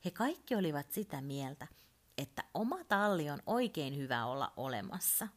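A woman gently reading a children's story aloud. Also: sits low, sing-song.

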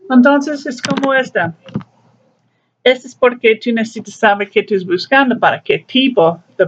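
Slow, patient teacher on a dull recording. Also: medium pitch, a bit bright. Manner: slow, patient explanations mixing broken Spanish with English. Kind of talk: recorded class lesson walking through a textbook.

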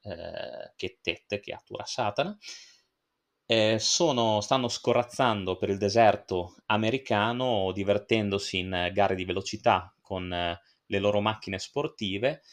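A man with a fairly low voice hosts a film-review podcast, talking in a loose, chatty way. He drifts into asides and fills his pauses with hesitant sounds. He sounds like someone in his thirties chatting with regular listeners. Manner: chatty and digressive, with frequent fillers and asides. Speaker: podcast host reviewing films. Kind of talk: casual spoken film review.

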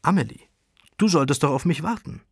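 A stressed, stern mother, as a man reads her out in a storybook, scolding in a raised voice. Her pitch sits above his own. The recording is dry and close. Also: expressive, brisk, vocal fry, husky, no echo, exaggerated voice. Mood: stern, fretful.

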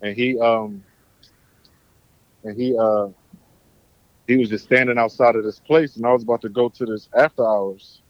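A man's voice: mid-range voice, fairly even intonation, normal speed, long pauses, no echo, highs cut off. A man from Philadelphia, a guest on a podcast, talking in a laid-back, slangy, emphatic way. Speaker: guest, pro skateboarder. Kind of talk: casual chat.

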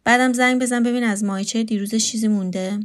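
A woman's voice: on the high side, steady tone, close to an everyday voice. A woman voicing a sarcastic, teasing houseguest. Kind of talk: read storytelling.

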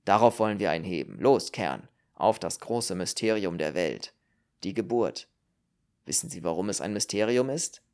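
A man's voice: low-pitched, expressive, normal speed, darkish tone, pitched below the performer's own voice. A man voicing a world-weary, cynical male politician with dry, sardonic remarks in an audiobook. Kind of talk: audiobook character reading.

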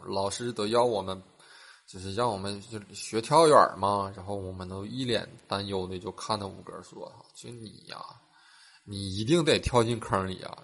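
A man telling a string of short funny stories in a casual way, laughing loudly at his own punchlines. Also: fairly low pitch, vocal fry. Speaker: joke teller. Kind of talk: casual joke storytelling.

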